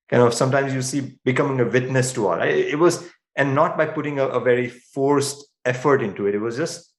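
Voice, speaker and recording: A man speaks as a podcast guest in a reflective, earnest way, often restarting his phrases as he thinks. His voice sits at a middle pitch. The room around him sounds echoey. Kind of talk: reflective interview talk.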